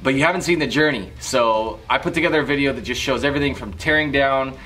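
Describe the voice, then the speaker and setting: A man's voice: medium pitch, fast, pushed and bright, rough recording. A young man chatting casually to the camera in an informal, easygoing way as a vlogger. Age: young adult. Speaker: vlogger, automotive lighting shop owner. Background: music.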